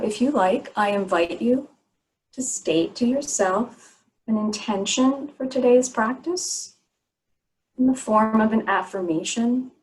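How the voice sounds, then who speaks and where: On a low-quality recording, a woman with a medium-pitched, darkish voice teaches guided yoga nidra meditation. She gives calm, unhurried instructions and pauses between phrases.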